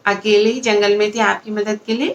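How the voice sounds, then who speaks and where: A woman voicing the kindly adult villagers of a children's story, speaking slowly and patiently as they explain. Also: medium pitch, little pitch movement, natural voice. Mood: gently scolding.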